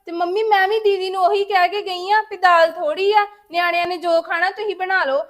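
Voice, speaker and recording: A woman's voice: extremely high pitch, fairly even intonation, brisk, a bit bright, no room sound, studio quality. A woman playing a defensive, put-upon young daughter-in-law in a family web drama, complaining and talking back.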